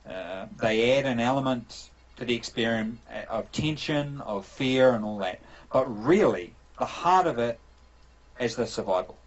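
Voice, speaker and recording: With the high frequencies cut off, a medium-pitched man with a New Zealand accent answers casual interview questions over an online call. He's a game developer who reflects as he talks, wandering with fillers and repeated restarts.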